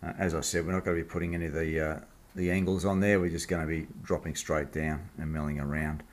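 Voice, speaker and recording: A man with an Australian accent talks in a low-pitched voice from his workshop. He explains the hands-on job casually, in an informal, blokey manner, as the host of a machining vlog. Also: little pitch movement, fast. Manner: laid-back, blokey, informal. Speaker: host of a machining project video series. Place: home workshop.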